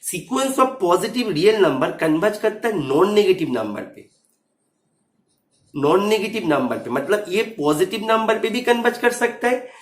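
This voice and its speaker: Male math teacher walking students through an exam answer, mixing English terms into Hindi, high lively delivery, echoey room. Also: a little slow. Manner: checks understanding often. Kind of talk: explaining exam solution.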